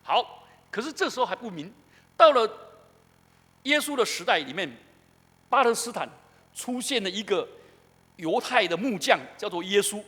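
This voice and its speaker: A middle-aged pastor with a Taiwanese Mandarin accent preaches in an echoey church sanctuary, animatedly putting questions to his congregation. His voice is high and a bit breathy, moving at normal speed with frequent pauses.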